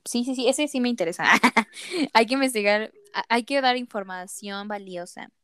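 Lively young Mexican woman, smooth dry voice. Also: a little high, moderate pace. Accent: Mexican Spanish. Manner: animated, exasperated, swears and laughs a lot. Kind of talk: casual chat.

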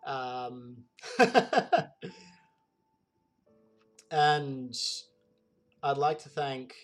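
A man's voice: mid-range voice, fairly even intonation, unhurried, darkish tone. Man, podcast player, chatty thanks, um-heavy, faint music behind. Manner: chatty and grateful, with "um" fillers. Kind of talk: casual thank-yous.

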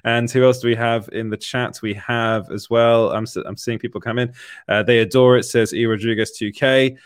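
A man's voice: mid-range voice, steady tone, normal speed, clean tone, no echo, clean studio sound. A man hosting a casual live stream, reading chat comments aloud with lots of fillers and laughter. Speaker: livestream host reading chat.

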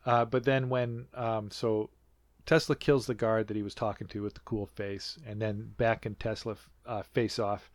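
A North American man co-hosts a podcast in a casual chat, his voice fairly low and level at a normal speed with no room sound. He rambles, fills the talk with fillers and restarts, and laughs often.

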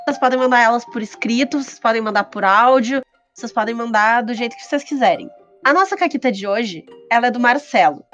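Brazilian woman, fairly high voice, podcast host, casual chat, slightly dull recording. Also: quick pace, fairly bright tone. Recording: slightly muffled band, music behind.

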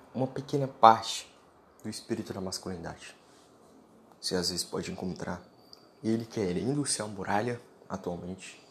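A man speaks into a close podcast mic. He lectures bluntly and informally, talking straight at the listener in a solo monologue. A faint hum of ambient noise sits under his voice. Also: low-pitched. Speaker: podcast host.

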